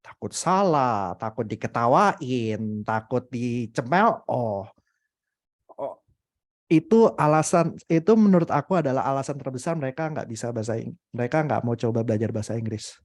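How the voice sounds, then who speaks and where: A young adult man giving a casual, motivational webinar talk, animated and full of hesitant fillers. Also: medium pitch, normal speed, dry recording. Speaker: webinar speaker.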